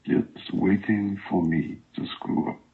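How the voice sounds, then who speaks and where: Guy on a voice changer, super deep and gravelly, slow and halting, dull lo-fi call sound. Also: steady tone. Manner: defensive, halting and pleading. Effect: voice changer, unnaturally deep and gravelly. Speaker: caller in an online romance. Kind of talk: phone call.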